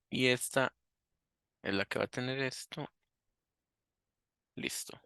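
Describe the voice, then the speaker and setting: A programming teacher talks slowly through a screen-recorded coding lesson, musing aloud and questioning himself as he goes. He has a medium-pitched, creaky voice with a sharp tone, captured in dry, studio-quality sound.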